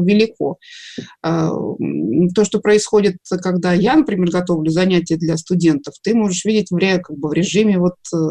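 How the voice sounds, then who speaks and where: A middle-aged woman speaks as an interview guest, measured and explanatory, with a mid-range voice. She lays out her points one by one as a teacher would. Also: mid-range voice, darkish tone. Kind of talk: broadcast interview.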